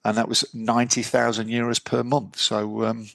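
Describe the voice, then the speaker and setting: A man's voice: mid-range voice, completely flat delivery, normal speed, creaky, a bit bright, no echo. A man co-hosting a podcast in casual, matey, chatty banter. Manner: chatty, matey banter with frequent "mate" and "cheeky". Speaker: podcast co-host. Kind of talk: casual chat. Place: lives in Ibiza.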